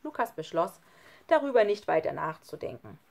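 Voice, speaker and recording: Eine Frau, die ein Kinderhörbuch ausdrucksvoll vorliest. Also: female voice, lowish voice, normal speed, gravelly. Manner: expressive storytelling. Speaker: audiobook reader. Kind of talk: children's audiobook narration.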